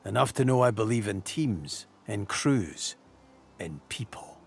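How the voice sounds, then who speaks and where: Gruff old seafarer, creaky gravel voice, salty dwarf, frank, game dialogue. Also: male voice, fairly low pitch, animated, a little slow, exaggerated voice. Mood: stern, warning. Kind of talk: video game voice acting.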